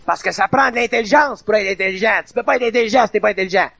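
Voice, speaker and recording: Gravelly emphatic man, Quebec French accent. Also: high voice, racing, fairly bright tone, no echo, highs cut off. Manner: emphatic, repetitive, colloquial. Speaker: lecturer. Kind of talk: informal spoken lecture.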